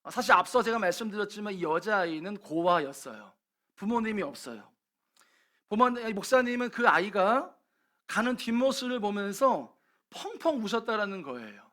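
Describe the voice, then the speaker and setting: Man, pastor, high voice, earnest sermon storytelling, church service. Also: sing-song, normal speed, pushed and bright. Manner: earnest storytelling, rising in intensity at emotional points.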